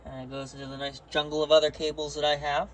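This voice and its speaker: This presenter talks fast in a level tone, his voice on the high side, while informally touring his hobby gear indoors. The delivery is slangy, matter-of-fact and unscripted, and the amateur recording is clearly noisy.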